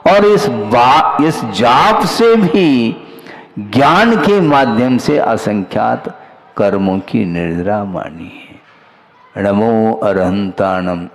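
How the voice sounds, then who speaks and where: Middle-aged male monk for a sermon; slow, gravelly, measured, rhetorical. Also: medium pitch, very animated. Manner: measured, rhetorical questions voiced for listeners. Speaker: Jain monk.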